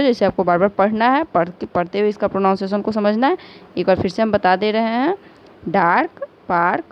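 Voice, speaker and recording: Indian woman teaching, spelling words slowly. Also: mid-range voice. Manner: patient, spells words letter by letter, mixes Hindi and English. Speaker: school teacher. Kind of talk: recorded online class lesson. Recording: slightly dull lo-fi audio with faint noise.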